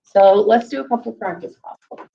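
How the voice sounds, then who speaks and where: This lo-fi recording, with the speaker a bit far from the mic, captures a woman giving first graders a math lesson. Her gravelly, dark voice is medium-pitched and moderately paced, a little scratchy from allergies, as she patiently counts aloud.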